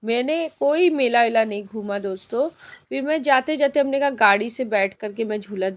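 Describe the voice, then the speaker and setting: A woman's voice: fairly high pitch, moderate pace. A woman vlogger narrating her outing in a chatty way, often speaking straight to her viewers. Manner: chatty, addresses viewers as friends. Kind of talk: casual vlog narration.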